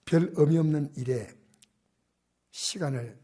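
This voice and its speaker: Older male pastor for a church sermon; dark, husky voice, loud urging that drops to near-whispers. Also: on the high side, unhurried. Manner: shifts from loud emphatic exhortation to soft, near-whispered asides. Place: church sanctuary.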